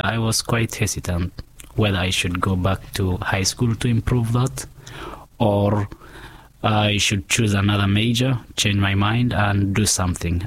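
A man, a guest in a casual interview, telling his story in an unhurried, reflective way. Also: on the low side, a little hiss or hum. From Kenya.

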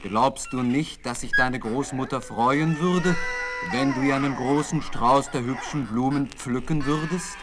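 A man's voice: medium pitch, measured pace, loud music behind the voice, natural voice. A man voicing the sly, greedy big bad wolf in a children's audio play, gloating and mock-friendly. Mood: sweet-talking.

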